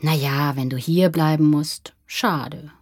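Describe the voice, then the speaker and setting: Woman playing a kindly older man, soft low husky voice, coaxing, dry close sound, storybook. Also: steady tone, slow, dry recording. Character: gentle older man with crooked legs.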